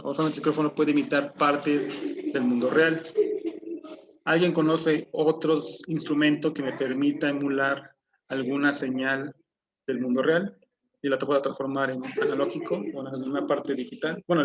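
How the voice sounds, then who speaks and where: A man with a fairly high voice teaches an online class, explaining each step and putting questions to his students. His cheap computer mic makes the sound dull and muffled. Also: steady tone, normal speed, crowd noise. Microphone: low-quality computer mic.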